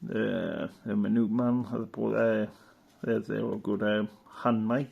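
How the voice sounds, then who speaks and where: On a lo-fi recording, a fairly low, creaky male voice moves a little slowly with fairly even intonation. The hobbyist presenter meanders through his show-and-tell in a matter-of-fact way, often ending lines with tag questions.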